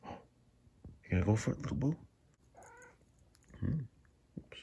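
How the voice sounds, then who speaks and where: A man filming his cat at home and talking to it in soft, doting baby talk, often dropping to a whisper, recorded on a handheld phone in a carpeted basement. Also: medium pitch, expressive, takes it slowly, vocal fry, muffled recording, a little hiss or hum. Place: carpeted house basement, indoors. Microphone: handheld phone camera.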